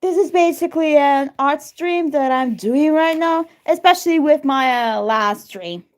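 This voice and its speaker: With a high, unhurried voice, this woman from Turkey, whose first language is Turkish and who speaks with a Turkish accent, hosts a casual live stream. She's full of excitement and calls out viewers by name.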